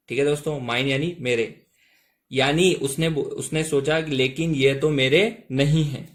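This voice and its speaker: A man teaching English reading in Hindi, reading each English line slowly, then explaining it word by word. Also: a little high. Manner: repeats "ठीक है दोस्तों", reads English lines very slowly.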